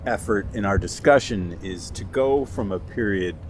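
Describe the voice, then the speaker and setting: A man's voice: lowish voice, moderate pace, a little hiss or hum. A man hosting a radio interview, mostly giving short, agreeable replies. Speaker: radio show host. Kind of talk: casual interview talk.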